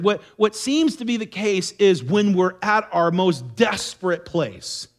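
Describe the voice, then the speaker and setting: A man teaching a midweek Bible study in an earnest way, repeating phrases for emphasis. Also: high voice.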